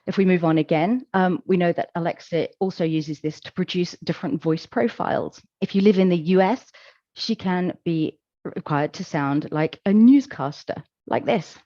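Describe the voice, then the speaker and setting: A woman giving a conference presentation, explaining in a measured, calm way with occasional fillers. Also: lowish voice, no echo, dull audio. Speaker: conference speaker. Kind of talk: presentation talk.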